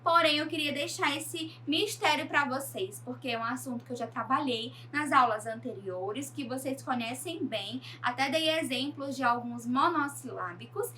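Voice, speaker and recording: A woman teacher from Brazil giving a recorded online lesson, speaking slowly and with emphasis, addressing her pupils directly. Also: high voice, pushed and bright, far from the mic, a little hiss or hum.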